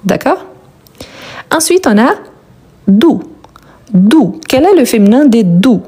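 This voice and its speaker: Slow, patient woman teaching French. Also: a little high, very animated, warm tone, slightly rough. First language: Portuguese. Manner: patient, repeats words slowly and praises answers. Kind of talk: live online language lesson.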